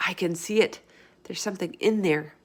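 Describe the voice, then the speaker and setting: A woman's voice: fairly low pitch, normal speed, close to an everyday voice. A woman reads the part of a young girl in a children's storybook. The girl is curious and questioning, with plain, earnest speech. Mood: amazed. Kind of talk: children's book character in a read-aloud.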